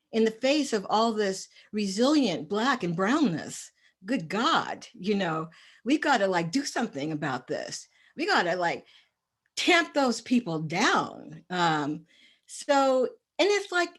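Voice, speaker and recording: A woman speaking as a panelist in a discussion, passionate and emphatic, with a tremor in her voice. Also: medium pitch.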